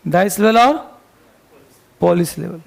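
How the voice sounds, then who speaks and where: Male grammar teacher, high gravelly voice, dictates definitions slowly, quizzes the class. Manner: asks students rhetorical check questions. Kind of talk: classroom lecture.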